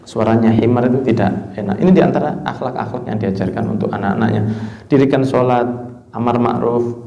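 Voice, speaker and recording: A man preaching a religious study sermon, explaining verses word by word with lively asides. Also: medium pitch, a little fast. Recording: roomy, dull lo-fi recording.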